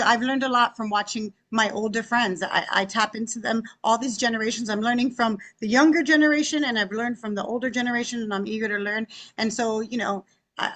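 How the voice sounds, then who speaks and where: Woman, forties, panel speaker, fairly high voice, emphatic, energetic. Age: 40s. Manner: energetic, emphatic, uses "right?" and "like" often. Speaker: conference panelist. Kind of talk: panel discussion.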